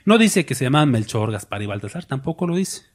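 A man preaching a sermon as pastor, lively, asking the congregation questions and acting out voices. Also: mid-range voice, quick pace, breathy edge.

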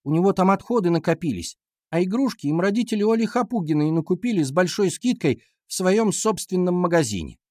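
A man's voice: sits high, expressive, brisk, darkish tone, no echo, studio quality, pitched above the performer's own voice. A man voicing an earnest fifth-grade girl class monitor, in a raised, eager, explaining voice.

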